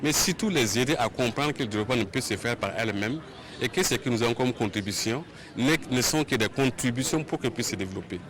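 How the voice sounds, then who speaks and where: A man's voice: medium pitch, animated, fast talker, fairly bright tone. A man, an NGO official, giving an earnest interview statement outdoors. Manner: earnest, searching for words.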